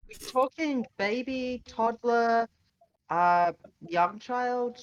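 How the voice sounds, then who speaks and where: Hesitant playful player, dull mic. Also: male voice, extremely high pitch, extremely slow. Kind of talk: casual chat during a tabletop game.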